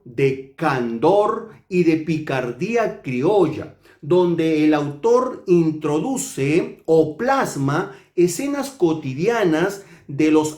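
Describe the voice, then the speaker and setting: A man from Peru, a literature teacher, reviewing a book in a slow, measured and deliberate way. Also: sits high, a little mellow, echoey room.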